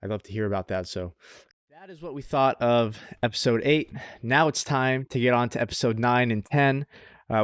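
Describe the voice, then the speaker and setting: A podcast co-host with an ordinary-pitched voice chats casually in an anime review, repeating short phrases to press his point. The space sounds dry and close, with no room sound.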